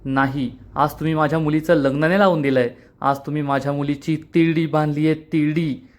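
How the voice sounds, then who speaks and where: A man's voice: a little high, steady tone, brisk, lightly acted. A man voicing an older father, subdued and heavy-hearted. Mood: dejected. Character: grieving older father, man, quiet and defeated.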